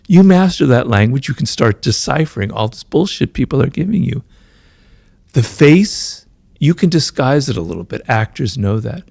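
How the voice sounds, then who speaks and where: A man with a gravelly, slightly creaky voice at a middle pitch, speaking fast in a conversational interview. He keeps tossing in "right?" and "you know" as he explains. The sound is dry and close, with no room echo. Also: big pitch swings, darkish tone. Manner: talks fast, says his mind races. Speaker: author being interviewed.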